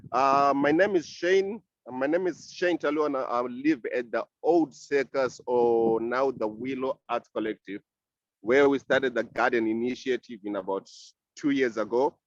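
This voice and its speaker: A man speaking by phone from outdoors about a community compost project, halting and often restarting his words. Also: medium pitch, no room sound. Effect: heard over a phone call. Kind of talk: casual panel contribution. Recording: dull, dry phone audio.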